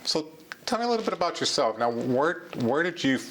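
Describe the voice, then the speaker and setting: A man hosting an interview program, asking questions in a genial, halting way with many restarts. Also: on the high side, very animated, a bit bright, a little hiss or hum. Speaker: interview host. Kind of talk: casual interview conversation.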